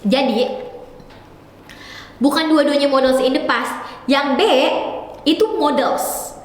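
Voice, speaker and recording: A woman with a high voice gives a live-streamed grammar lesson. She talks quickly and slips between two languages. Her voice rings in a very echoey room with a long reverb tail. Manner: fast-talking, mixes Indonesian with English; calls viewers "sayang" affectionately. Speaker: English teacher.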